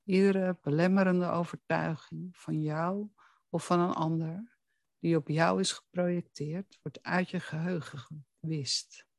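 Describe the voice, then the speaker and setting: A soothing, deliberate voice guiding the listener through a relaxing hypnosis, speaking closely and intimately, right in the ear. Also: mid-range voice, fairly even intonation, vocal fry, dry recording. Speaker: hypnotherapy guide. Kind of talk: guided hypnosis relaxation narration.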